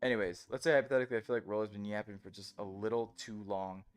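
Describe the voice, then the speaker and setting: A man's voice: lowish voice, fairly even intonation, very fast. A man chatting casually as a livestreamer, rambling on and on like a self-described yapper, with music behind him.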